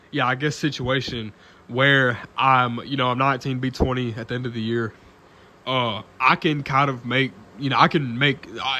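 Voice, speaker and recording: With a sharp tone and medium pitch, a nineteen-year-old vlogger addresses the camera casually. He is earnest but halting, full of fillers and false starts, and often clears his throat.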